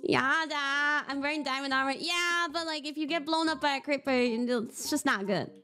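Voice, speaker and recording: A woman's voice: high voice, normal speed, sharp tone, soft background music. A woman live-streaming a game, commentating in a scared, jumpy manner with gasps and yelps.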